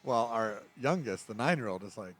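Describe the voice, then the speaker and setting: A man's voice: on the low side, expressive, normal speed. A middle-aged man co-hosting a casual film review podcast, rambling and correcting himself as he talks. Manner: rambling, self-correcting, chuckles. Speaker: podcast co-host.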